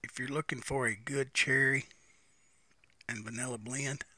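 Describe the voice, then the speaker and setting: Bright-voiced man casually reviewing, pipe in hand. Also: medium pitch, steady tone, measured pace. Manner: talks while smoking a pipe between phrases. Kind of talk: casual unscripted review chat.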